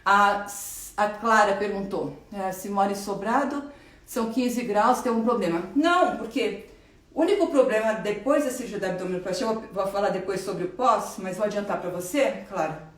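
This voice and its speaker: A woman plastic surgeon with a Brazilian Portuguese accent who answers viewers' questions in a live stream, talks fast and with enthusiasm, and explains while pointing and drawing. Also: medium pitch. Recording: roomy echo, voice a bit far from the mic.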